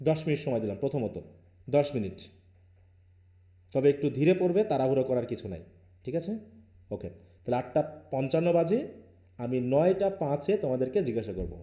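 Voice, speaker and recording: A man's voice: medium pitch, sing-song, fairly quick, long pauses, warm tone, reverberant. A male teacher from Bangladesh leading a live online class, firm and questioning, mixing Bengali with English.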